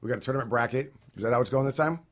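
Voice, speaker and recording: A man's voice: mid-range voice, rapid-fire. Easygoing male podcast host, casual, giggly, reading off results. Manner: laughs often, reads off results loosely. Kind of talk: casual chat about fight results.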